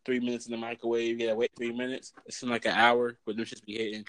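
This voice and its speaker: A man's voice: mid-range voice, little pitch movement, fast talker, a bit bright, no room sound, low-quality recording. A man with an American accent hosting a casual, profane chat full of slang, talking as if among friends. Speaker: podcast host.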